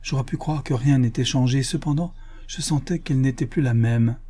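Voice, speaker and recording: A man narrating a classic novel audiobook in a measured, expressive reading. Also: mid-range voice.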